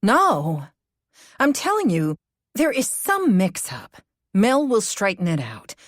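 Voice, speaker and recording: A woman's voice: mid-range voice, wildly swooping pitch, takes it slowly, no echo, clean studio sound, heavily acted. A woman narrator voicing an anxious, loyal female amateur sleuth in a cozy mystery audiobook, emphatic and questioning. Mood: defensive.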